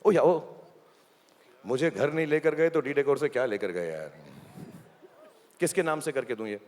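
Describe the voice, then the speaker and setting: A stage host in a large hall jokes with guests and coaxes them through playful banter, speaking into a handheld microphone. His voice is medium-pitched and darkish, with lively intonation at a normal speed. The recording has long hall reverb and faint noise.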